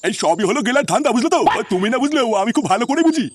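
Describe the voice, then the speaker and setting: A man's voice: extremely high pitch, very fast. A man voicing a grumpy, suspicious, foul-mouthed middle-aged father in a cartoon. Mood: grumbling. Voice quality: excitable, scolding, foul-mouthed. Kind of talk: cartoon voice acting.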